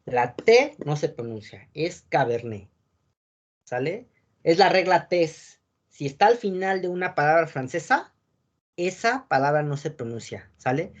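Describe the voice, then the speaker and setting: A man teaching an online wine course over a video call, explaining patiently and often checking in with quick tag questions. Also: a little high, very animated, muffled recording. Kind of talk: online class lecture.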